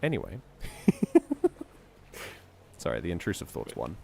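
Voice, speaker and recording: A man hosting a reading stream, reading a community story aloud in a measured way with joking asides. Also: rumbling low, wildly swooping pitch, gravelly, darkish tone, breathy edge.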